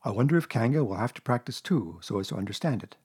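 A man voicing a gentle, slow-witted bear in a children's storybook, modest, simple and plodding in manner. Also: medium pitch, expressive, breathy edge. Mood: humble, musing. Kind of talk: children's storybook character reading.

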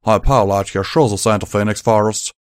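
A man voicing a blunt, folksy male pegasus gunslinger with a loud country drawl. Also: lowish voice, fairly even intonation, a little fast, no room sound, studio quality, close to an everyday voice. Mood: gruff.

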